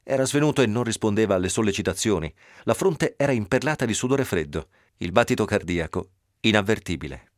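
A man reading a novel aloud on radio in a steady, even storytelling manner. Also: on the low side, a little fast, no room sound, studio quality. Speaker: narrator.

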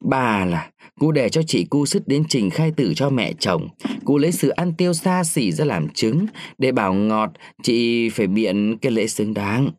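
A man reading a short story aloud in an expressive storytelling manner. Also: medium pitch, a little slow, no echo, clean studio sound. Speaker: story reader.

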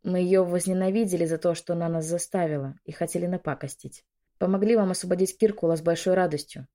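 A woman's voice: lowish voice, fairly even intonation, fast, mellow, natural voice. A woman voicing a frightened young maid who pleads and apologizes. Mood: guilty, pleading.

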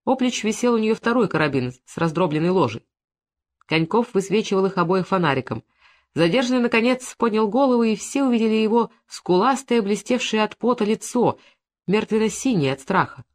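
A woman's voice: medium pitch, animated, brisk. A woman reading an adventure story aloud as narrator, shifting her voice for the characters. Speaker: audiobook narrator.

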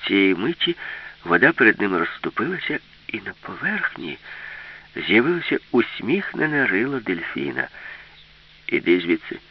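A man narrating a children's science fiction story in an expressive storytelling manner. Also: fairly low pitch, moderate pace, slightly rough. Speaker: audiobook narrator. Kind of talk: scripted narration. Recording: dull lo-fi recording.

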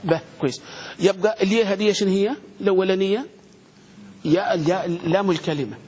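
A man teaching a grammar class, questioning his students and spelling words out slowly. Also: high-pitched, a little mellow. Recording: echoey room with long reverb, faint noise.

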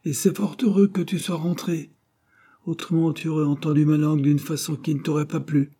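A man voicing a shrill, ill-tempered working wife who scolds and shouts. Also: moderate pace, slightly rough. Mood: scolding. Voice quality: piercing, shrill.

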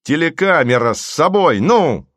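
A man voicing a blunt, rough male regional governor in an audiobook, barking crude orders. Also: fairly high pitch, big pitch swings, a little slow, fairly bright tone, no room sound, clean studio sound, voice pushed up, full character voice.

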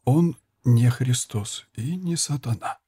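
A man doing gentle stammering monk Tomas. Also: medium pitch, takes it slowly, slightly rough, no echo. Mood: calm. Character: calm young monk Tomas, soft-spoken.

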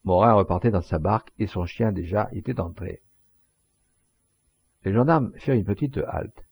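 A man narrating a literary audiobook in a measured, expressive storytelling manner, with a gravelly voice. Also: on the low side, dry recording.

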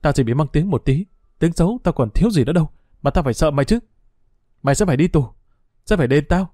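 A man voicing an angry, grieving village man who accuses and threatens in harsh, quick speech. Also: fairly high pitch, animated, dark tone, no room sound, clean studio sound. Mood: angry, accusing.

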